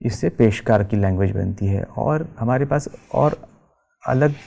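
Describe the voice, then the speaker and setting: A man's voice: mid-range voice, vocal fry, mellow. A male tabla teacher giving a lecture, explaining terms patiently and mixing in English words. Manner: slow, explanatory, recites bols rhythmically, mixes English terms. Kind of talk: lecture with spoken tabla syllables. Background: tabla music.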